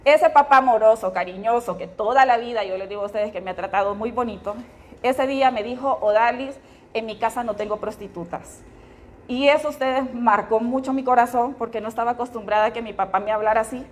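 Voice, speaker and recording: A middle-aged woman with a Honduran accent tells her life story to a gathered audience in a slightly high voice. She keeps turning to her listeners with little tag questions as she goes. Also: fast. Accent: Honduran Spanish. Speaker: testimony speaker at a women's fellowship meeting. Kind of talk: personal testimony to a live audience.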